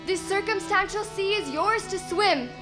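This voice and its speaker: A woman's voice: very high-pitched, a little slow, music in the background. Girl playing a solemn chorus voice. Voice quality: declaiming, solemn. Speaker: student actor. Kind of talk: school stage play.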